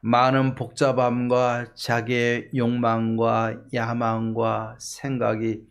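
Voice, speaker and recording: Gravelly-voiced man preaching a sermon. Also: medium pitch. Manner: emphatic, rhetorical questions. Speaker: pastor. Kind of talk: early morning sermon.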